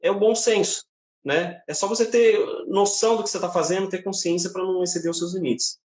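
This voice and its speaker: A man with a Brazilian Portuguese accent giving a casual live-stream singing lesson from home, explaining in a relaxed way with frequent tag questions. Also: high voice, brisk, echoey room. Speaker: singing teacher. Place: home, indoors.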